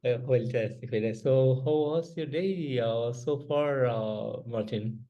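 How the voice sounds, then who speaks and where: A man interviewing a guest over a video call, often repeating praise words and pausing with fillers. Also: medium pitch, mellow, highs cut off. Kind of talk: interview questions.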